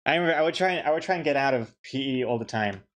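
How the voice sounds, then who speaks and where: Talking very fast and animated in a mid-range voice, a young New Zealander draws on stream, chatting casually, joking and thanking viewers as he goes.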